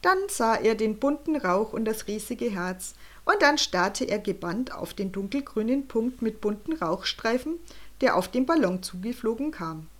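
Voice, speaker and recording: Woman reading a kids' audiobook, kinda high voice, really expressive. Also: normal speed. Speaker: storyteller. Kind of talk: audiobook narration of a children's story.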